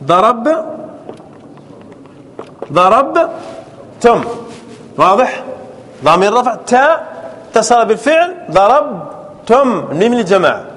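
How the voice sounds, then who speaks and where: A man teaching a grammar class, drilling verb forms slowly and checking often that students follow. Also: high voice, big pitch swings, a bit bright, long reverb tail. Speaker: sheikh teaching Arabic grammar.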